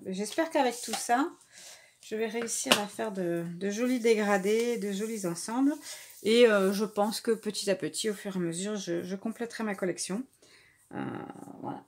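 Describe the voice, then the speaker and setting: A woman in a casual home vlog, talking in a middle-pitched, everyday voice as she shows off craft supplies one by one. She is from France and speaks in a relaxed, hesitant way, stopping often and restarting her sentences. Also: vocal fry. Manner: hesitant, many filler sounds and restarts. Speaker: craft vlogger. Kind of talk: casual haul presentation.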